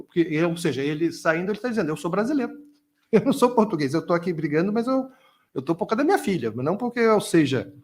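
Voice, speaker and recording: A middle-aged man answering questions as a guest lecturer at a conference, talking discursively with frequent restarts and repeated words. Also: a little high.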